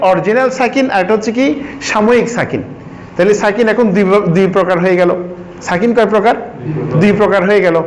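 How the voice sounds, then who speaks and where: A man's voice: high voice, slight background noise, rough recording. A man teaching a Quran reading class, quizzing his students and repeating their answers. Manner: sounds out syllables slowly for drilling. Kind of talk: classroom lesson.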